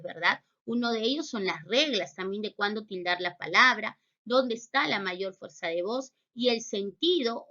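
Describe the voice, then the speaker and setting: A woman teacher giving a recorded spelling lesson, reading out rules and example words slowly and clearly. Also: a little high, bright, forceful tone. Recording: dull, lo-fi recording.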